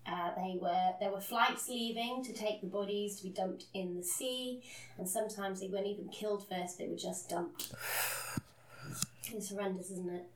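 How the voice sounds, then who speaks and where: A woman's voice: medium pitch, normal speed, a little hiss or hum. Woman, podcast co-host, casual storytelling, earnest, echoey room, set back from the mic. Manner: earnest, self-deprecating, laughs at herself. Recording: roomy, a bit distant from the mic.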